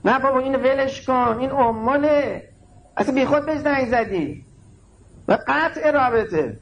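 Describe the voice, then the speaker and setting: A man's voice: very high voice, lively intonation, muffled recording, slight background noise, pitched above the performer's own voice. A man putting on the voice of a scornful man who brushes off a pious coworker, in a mocking tone. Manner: dismissive, mocking.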